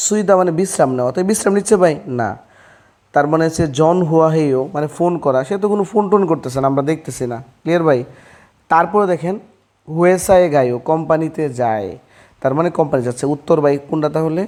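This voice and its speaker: Guy teaching a language lesson, slightly high voice, keeps checking if you got it. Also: animated, darkish tone. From Bangladesh. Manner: addresses listener as brother, asks quick check questions. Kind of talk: casual explanatory lesson.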